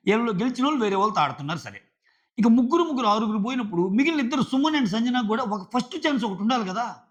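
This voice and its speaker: A man reviewing a reality show in casual, argumentative commentary. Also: high-pitched. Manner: animated, argumentative, acts out contestants' lines. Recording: dull lo-fi audio.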